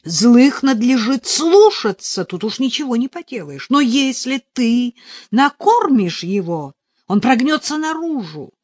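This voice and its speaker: A woman's voice: a little high, big pitch swings, a little slow, a little mellow, no room sound, studio quality, pitched above the performer's own voice. A woman voicing a menacing male sorcerer who chants a ritual in a commanding, incantatory way, read for an audiobook. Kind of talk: audiobook reading.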